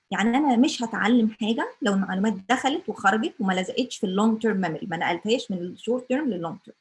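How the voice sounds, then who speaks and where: A woman with an Egyptian Arabic accent gives an informal lecture at a church family meeting, dropping English terms and asking her listeners rhetorical questions. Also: fairly high pitch.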